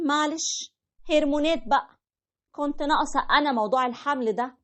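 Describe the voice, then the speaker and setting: A woman's voice: high voice, brisk, fairly bright tone, voice pushed up. A woman voicing a petulant young wife with an Egyptian accent, whiny and complaining.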